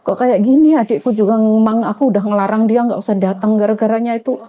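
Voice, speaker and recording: A woman's voice: fairly high pitch, fast talker, highs cut off. A woman, calling in to confide a family dispute in a rambling, aggrieved way. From Indonesia. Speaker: caller. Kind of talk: emotional personal confession.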